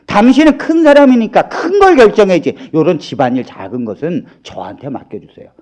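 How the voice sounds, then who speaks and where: A soft-spoken wife gently pleads with her husband, acted out by a male pastor in his sermon. Her tone is coaxing and sweet, and her words are persuasive. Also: high-pitched, lively intonation, fairly quick.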